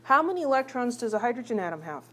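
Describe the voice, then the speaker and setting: A woman's voice: a little high, very animated, very fast, a bit bright, slight background noise. A woman teaching a chemistry class in a chatty, teasing way, asking her students questions as she works through examples. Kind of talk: recorded classroom lecture.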